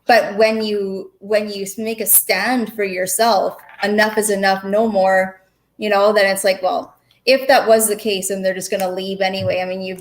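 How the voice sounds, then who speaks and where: A woman in her forties joins a talk show as a guest, with a mid-range voice. She speaks candidly about her own life and often pauses and restarts her thoughts. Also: mid-range voice, level tone, slight background noise. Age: 40s. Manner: candid, personal, hesitant with restarts. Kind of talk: casual conversation.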